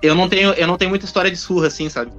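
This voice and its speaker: A man, telling a childhood anecdote in a casual podcast chat, in a chatty, halting way. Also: high voice, steady tone. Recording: dull recording with faint music.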